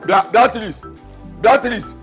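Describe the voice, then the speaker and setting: A man's voice: sits high, slow, music in the background. An actor with a Nigerian accent playing a scoffing, bossy middle-aged father in a film drama. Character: gruff scornful middle-aged father, mocking and domineering.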